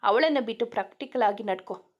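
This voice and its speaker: A woman's voice: fairly high pitch, a little fast, lo-fi sound, natural voice. A woman voicing a stern, scornful rich mother. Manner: scolding, dismissive.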